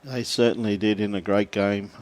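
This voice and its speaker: The speaker is an Australian-accented man giving chatty live commentary on lawn bowls, laughing and joking as he reads out what viewers have written. His pitch is fairly low, his intonation fairly even, his pace moderate.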